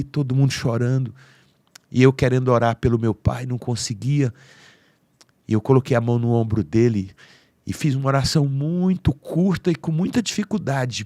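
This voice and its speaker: A man with a Brazilian accent tells an emotional family story on a podcast, slipping into the voices of the people in it. His voice sits at a middle pitch. It sounds dry and close on the mic. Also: a little mellow, dry recording. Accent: Brazilian Portuguese. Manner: heartfelt, acts out quoted family voices. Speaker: podcast speaker.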